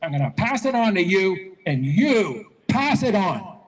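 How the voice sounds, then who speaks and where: A man's voice: sits high, very animated, measured pace, long reverb tail, rough recording. A man giving a folksy, repetitive motivational speech to a crowd at an outdoor rally, telling stories as he goes. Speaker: rally speaker. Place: outdoor public square rally.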